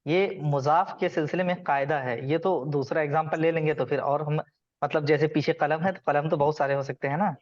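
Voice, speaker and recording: A man teaching a class, his voice a bit higher than most men's. He explains rules patiently and quizzes his students by name. The sound is dull and lo-fi. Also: steady tone, brisk. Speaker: Arabic grammar teacher. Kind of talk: online class lecture.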